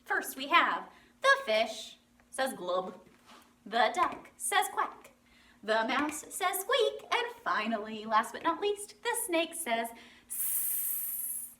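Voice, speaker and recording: A woman teaching a children's lesson, playful and animated, acting out animal sounds. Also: fairly high pitch, slow pace, slight background noise. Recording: roomy, from a distance.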